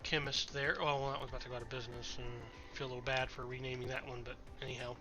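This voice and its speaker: A man with a cold, sounding slightly nasal and congested, chats casually while streaming a city-building game. His medium-pitched voice is flat yet racing, and he rambles and corrects himself as he goes.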